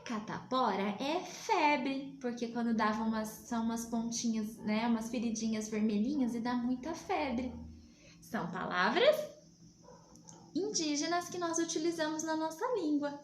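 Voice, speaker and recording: A woman from Brazil teaching young children, patient and drawing her words out slowly. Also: fairly high pitch, roomy sound, a little hiss or hum. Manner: slow, patient, drawn-out words for small children. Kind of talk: remote lesson for young children.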